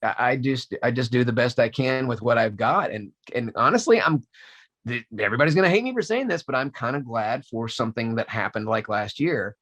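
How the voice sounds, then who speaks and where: A man in his forties speaks as a guest in a relaxed interview. His voice sits in a middle pitch. He tells a story eagerly, with false starts, and slips into the voices of the people he quotes. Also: brisk. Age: 40s. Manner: animated storyteller, acts out quotes, many restarts. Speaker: voice actor guest.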